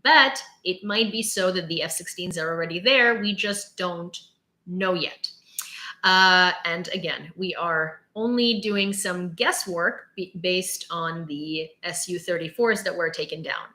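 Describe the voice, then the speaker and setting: This live news stream host is a sassy, chatty woman in her late twenties, born in Ukraine but sounding nearly American. She fires off quick asides to her viewers' chat. Her voice is lowish with a sharp tone.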